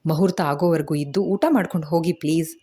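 A woman voicing a tearful, resentful young bride, speaking a quiet, husky inner monologue. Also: low voice, fast talker. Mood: pleading.

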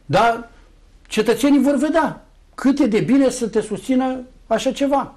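Combative high-pitched man, sarcastic. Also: darkish tone. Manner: combative, sarcastic, addresses opponents directly. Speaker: political guest. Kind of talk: heated political talk show debate.

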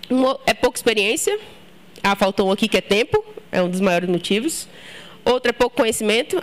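A young woman from Ceará, giving a short live tech talk in a casual, joking, chatty way with the audience. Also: a little high. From Ceará, Brazil. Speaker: conference speaker.

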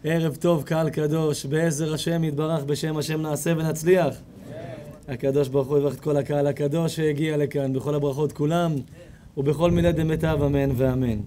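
Male rabbi, high voice, lively comic storytelling sermon, mic outdoors with faint noise. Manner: animated, acts out characters with sudden shouts. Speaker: rabbi giving a Torah lecture. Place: outdoor evening event before an audience.

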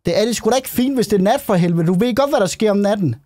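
A man hosting a let's play, chatting casually while gaming, excitable and swearing, repeatedly calling out to his friend. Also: sits high, no echo, studio quality.

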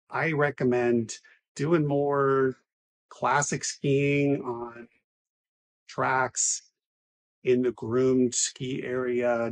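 A husky-voiced man in his forties explains things to camera like a physical therapist, walking through his points in order. His tone stays mid-pitched and even, and the lapel mic picks him up close in a clinic room. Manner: methodical, enumerating points.

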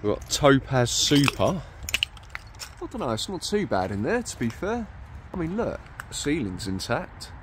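A man's voice: medium pitch, sing-song, moderate pace, background noise. A British man casually narrating a walk around an abandoned site outdoors, upbeat and chatty as he points things out. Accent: British English. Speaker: vlogger exploring abandoned places.

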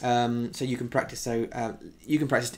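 Man, fast and full of restarts. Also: medium pitch, flat delivery. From United Kingdom. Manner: fast talker with many restarts and fillers. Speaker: podcast co-host. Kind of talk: casual bilingual chat.

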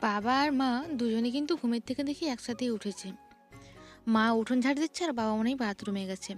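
A woman's voice: on the high side, fast, faint music behind. A young woman, narrating her morning chores in a chatty home vlog. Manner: chatty, describing chores as she goes. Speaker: vlogger.

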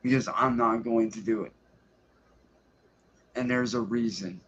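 On a livestream, a man rants angrily with heavy profanity and threatening emphasis. His mid-range voice is a bit bright, with a steady tone and measured pace, and the stream audio is dull and lo-fi with a faint hiss.

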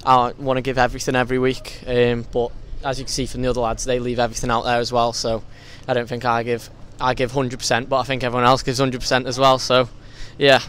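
A man's voice: medium pitch, monotone, fast, hardly any pauses, fairly bright tone, slight background noise. A young male footballer speaking upbeat and fluently after a match outside a stadium entrance, into a handheld mic. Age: young adult. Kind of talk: post-match interview.

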